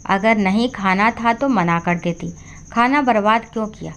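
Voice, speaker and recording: A woman's voice: medium pitch, moderate pace, close to an everyday voice. Woman doing a scolding daughter-in-law. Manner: sharp and scolding. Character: harsh, resentful young daughter-in-law.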